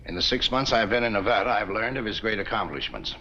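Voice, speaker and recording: A bright, lively-voiced governor, formal and oratorical. The recording is a muffled vintage TV soundtrack. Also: male voice, on the low side, quick pace, a little hiss or hum. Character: dignified territorial governor, persuasive and formal. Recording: dull 1950s TV soundtrack.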